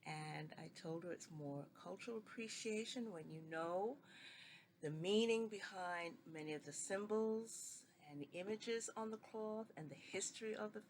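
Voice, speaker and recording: With a lowish voice and a bit of background noise, a middle-aged sewing vlogger who grew up in New York wanders happily from topic to topic. It's a casual chat at home as she shows fabrics she has collected.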